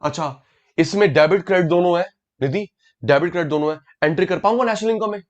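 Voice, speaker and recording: A man's voice: high voice, muffled recording. A man teaching an online class, calling on students by name, repeating key words and mixing English terms into his talk. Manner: mixes English terms into Hindi.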